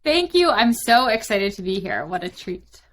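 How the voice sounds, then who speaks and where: A woman's voice: medium pitch, very animated, normal speed. Woman, 30s, from london, interview guest, chatty, lots of likes and ums. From London, England. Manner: chatty, many fillers and likes. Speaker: guest, company founder.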